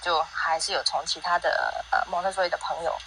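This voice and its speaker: Co-host teacher, woman, lower pitch, relaxed and chatty. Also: a little fast, creaky, a little hiss or hum, rough recording. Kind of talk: casual chat.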